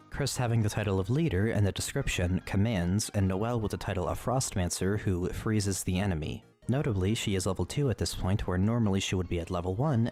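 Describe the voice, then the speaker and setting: Deep-voiced man narrating a lore video. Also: a little mellow. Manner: casual asides and swearing. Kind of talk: scripted narration.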